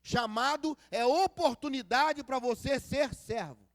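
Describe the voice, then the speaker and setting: A man with a very high voice preaches a sermon, as a pastor does. He tells stories and acts out the dialogue, and he keeps asking the congregation to answer him. The sound is dry and close, with almost no echo. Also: measured pace. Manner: asks the congregation for responses. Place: church service.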